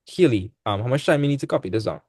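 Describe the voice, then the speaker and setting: A man's voice: mid-range voice, animated, racing, a little mellow, husky, no echo. A young man, tutoring maths in a casual online class. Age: young adult. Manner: casual, laid-back teaching with dialect speech. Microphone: video call.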